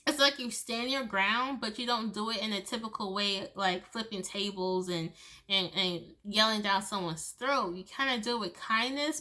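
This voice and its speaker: A woman's voice: on the high side, bright, forceful tone. A woman giving a loose, chatty tarot reading, swearing freely and laughing between thoughts. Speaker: tarot reader. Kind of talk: casual tarot reading monologue.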